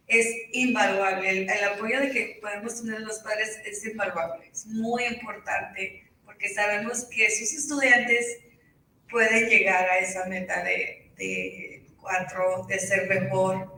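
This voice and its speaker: Heavy room echo surrounds a woman's bright, forceful voice, picked up from a distance. She speaks slowly and informally as a bilingual teacher interpreting for a group. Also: on the high side, a little hiss or hum. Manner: switches between Spanish and English, restates points. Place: indoor school meeting room. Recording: very echoey room, distant mic.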